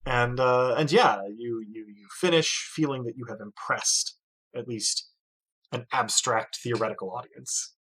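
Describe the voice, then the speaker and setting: Man game master, halting narration, middle pitch. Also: pushed and bright, husky, low-quality recording. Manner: hesitant, many fillers and restarts.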